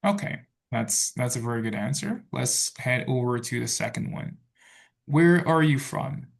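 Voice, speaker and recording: A man teaching an English class, talking in a relaxed way full of fillers like "so" and "okay". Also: mid-range voice, measured pace, gravelly. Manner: relaxed, filler-heavy, says "so" and "okay" a lot. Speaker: English tutor. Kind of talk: online tutoring class.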